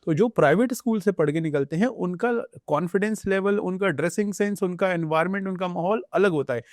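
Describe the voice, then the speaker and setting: A man's voice: sits high, brisk, a little mellow, no echo, clean studio sound. A man hosting an interview who asks earnest questions and mixes Hindi and English. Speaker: host.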